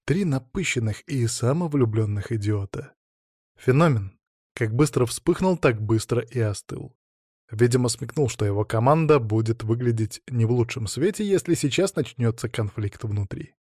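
Dry, even male audiobook narrator. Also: medium pitch, moderate pace, no echo. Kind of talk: first-person scripted narration.

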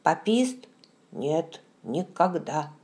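A woman reading an audiobook voices a frightened, starving male Protestant pastor who speaks slowly and haltingly. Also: low voice, sing-song, a little mellow, full character voice. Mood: timid, anxious. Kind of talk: audiobook character voice.

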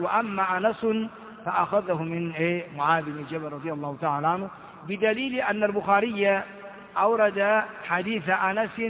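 A man teaching a hadith lesson in a classroom style. He explains grammar and word forms, spells out the vowels and repeats words to drive them home. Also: high voice. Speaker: Islamic scholar teaching hadith commentary. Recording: tinny phone-like, long hall echo.

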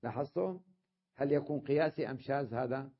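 A man's voice: mid-range voice, fairly quick, breathy edge. A man teaching an Arabic grammar class, explaining patiently and often checking that his students follow. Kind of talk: classroom lesson. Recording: dull lo-fi lecture recording.

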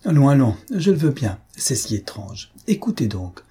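A fussy, self-important older woman rattles off her gossip with excited exclamations, read by a man lifting his voice. The tone stays dark and mellow. It is deeply husky underneath. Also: normal speed. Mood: gossipy.

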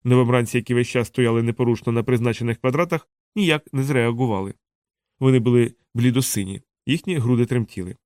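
A man narrating an audiobook in a measured, steady reading voice, close to the mic. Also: medium pitch, no room sound. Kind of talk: scripted narration.

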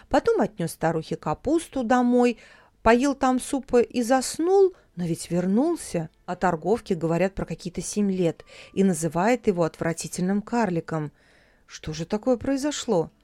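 A woman narrating a fairy tale audiobook in a calm, expressive storytelling manner. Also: on the low side, no echo.

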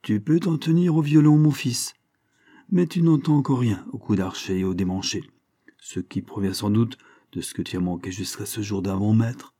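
A man's voice: lowish voice, moderate pace, mellow, breathy edge. A man voicing a pompous aging male baron who is a proud violin connoisseur, declaiming grandly and emphatically. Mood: lofty.

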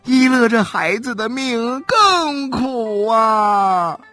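An audiobook reader voicing a wronged mother who wails her grievances, sobbing and dragging out each phrase over soft music. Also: mid-range voice, pitched above the performer's own voice. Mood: wailing lament. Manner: sobbing, drawn-out lament. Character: wailing wronged mother, shrill and self-pitying. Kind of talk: audiobook character voice.

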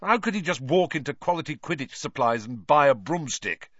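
A man voicing an eager young male sports captain who gets urgent and excitable, recorded a little dull and dry. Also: mid-range voice, moderate pace, breathy edge, no echo, voice pushed up, heavily acted.

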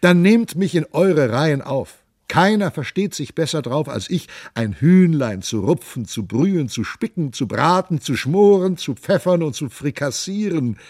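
A man's voice: fairly high pitch, lively intonation, a little slow, hardly any pauses, darkish tone, dry recording, studio quality, voice pushed up. A man voicing a sly young cavalier who plays a poor devil, wheedling and pleading, at times shrieking in a frenzy.

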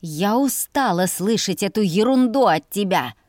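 A woman's voice: medium pitch, animated, unhurried, a little mellow, no room sound, clean studio sound, lightly acted. A woman voicing a stern mother who scolds and commands in a raised voice. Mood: scolding. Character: stern loud mother pushing her children to marry.

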